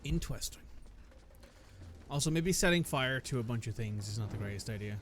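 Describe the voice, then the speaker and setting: A man's voice: medium pitch, expressive, brisk, background noise. A man giving casual commentary while playing a video game, speaking with wry understatement. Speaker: let's player.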